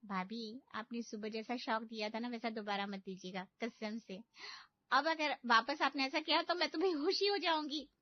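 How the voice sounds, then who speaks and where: A woman's voice: fairly high pitch, normal speed, no room sound, highs cut off, lightly acted. A woman doing a giggly teasing young sister-in-law.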